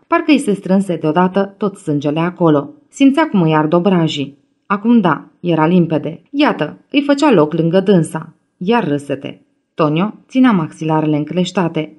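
A woman narrating a literary audiobook in a measured, even reading. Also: lowish voice.

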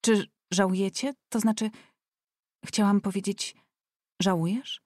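A woman's voice: medium pitch, steady tone, a little slow, darkish tone, no echo, studio quality, lightly acted. A woman reading an audiobook voices a shy, devout young woman who lisps slightly like a child. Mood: timid.

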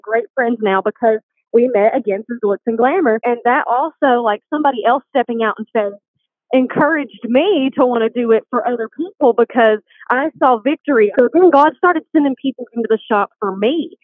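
A boutique shop worker joins a call as a guest and recounts her faith journey, chatting breezily and leaning heavily on "like." She talks fairly quickly in a slightly high voice, and the phone line sounds tinny and dry.

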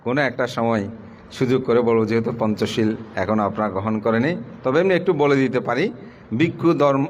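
Male buddhist monk, middle-aged, conversational sermon, voice sinks at the close of each point. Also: slight background noise. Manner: plain conversational preaching, pitch drops at the end of points. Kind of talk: sermon to lay followers.

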